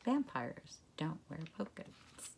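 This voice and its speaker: A woman doing an imaginative, excitable schoolgirl. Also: low voice, slow, vocal fry, slight background noise, full character voice. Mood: agreeing. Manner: eager, piping up.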